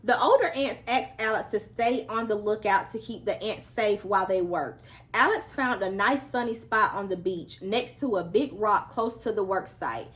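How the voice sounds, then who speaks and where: A woman's voice: mid-range voice, normal speed, few pauses, fairly bright tone. A woman reading a children's story aloud as a storyteller, acting out the characters' lines expressively.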